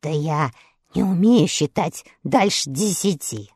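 A simple-minded straw man from a storybook, lowered and soft, slow and hesitant as he puzzles things out, as a woman puts him on. The recording is dry and close. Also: expressive, husky, dry recording, heavily acted. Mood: sheepish.

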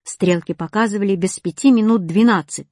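A woman's voice: medium pitch, a little fast, no room sound, studio quality. Woman reading a children's story. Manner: lively first-person narration. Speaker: narrator.

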